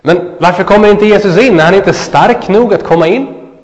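A man preaching a sermon. He asks the listeners questions, answers them himself, and lets his voice drop low and soft at the ends of phrases. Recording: dull sound with a long hall echo.

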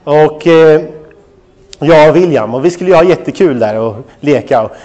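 Animated Swedish preacher man. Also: fairly high pitch, dull audio. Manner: animated storytelling, addresses listeners directly. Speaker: pastor. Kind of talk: sermon on parenting.

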